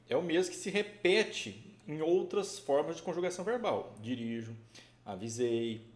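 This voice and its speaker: A man's voice: medium pitch, darkish tone. A man giving a casual live grammar class, chatty and full of check-ins, often restarting his sentences as he explains. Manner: chatty, keeps checking understanding with "tá?" and "né?"; restarts and self-corrections while explaining. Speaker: Portuguese grammar teacher. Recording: echoey room with faint background noise.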